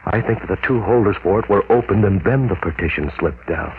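An actor playing a grim, driven male scientist in an old radio drama, hushed and intense. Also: low voice, a little fast, a little hiss or hum. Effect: old radio broadcast sound. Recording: tinny old radio broadcast.

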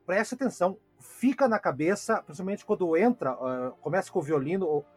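A man co-hosting a casual music chat, jokey and quick to interrupt, repeating words as he explains. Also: high voice, lively intonation, darkish tone, breathy edge. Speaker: co-host. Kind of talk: casual podcast chat about classical music.

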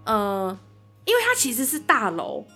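A woman with a Taiwanese Mandarin accent tells a spooky personal story on a podcast, her voice sitting fairly high. She is animated and slips into the voices of the people in the story. Soft music plays low behind her. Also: measured pace, slightly rough. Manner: animated, acts out quoted dialogue. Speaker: podcast co-host. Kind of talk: casual ghost-story telling.

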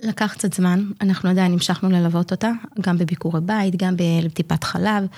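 A woman in her forties, a community nurse, telling a personal story in an interview, acting out what people said and pausing often to hesitate. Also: on the low side. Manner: earnest, animated retelling that acts out quoted dialogue; frequent hesitation fillers. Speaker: community child-health nurse.

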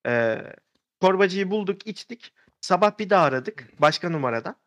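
A man's voice: sits high, animated, moderate pace, a bit bright. A man telling a story in a casual podcast chat, rambling with fillers and restarts.

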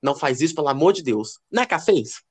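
A man co-hosting a podcast, telling gossipy stories in a casual, animated way. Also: rapid-fire, slightly rough. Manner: expressive, lively pitch. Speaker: podcast co-host. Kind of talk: casual chat.

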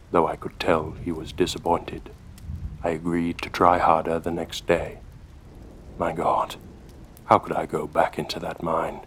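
A man hosting a horror story podcast, narrating a scripted tale in a measured, hushed way. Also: deep voice, a little hiss or hum. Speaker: host and storyteller.

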